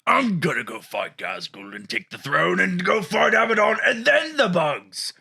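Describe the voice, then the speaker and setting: A gravelly, rasping ork warrior, voiced by a man for an improvised in-character debate, bragging loud and brash. His tone is bright and pushed, and his pitch swings wide and high. He is always ready for the next scrap. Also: big pitch swings, moderate pace, exaggerated voice. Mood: scheming. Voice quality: gravelly, growling. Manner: brash and loud, fond of shouting boasts. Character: brawling male ork warrior, boastful, spoiling for a fight.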